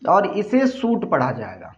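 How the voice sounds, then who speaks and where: Slow, high-voiced male tutor. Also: huge pitch swings. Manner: spells words letter by letter and repeats key answers; asks the children questions and answers them himself. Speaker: English teacher. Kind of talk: classroom grammar lesson. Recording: echoey room, dull lo-fi sound.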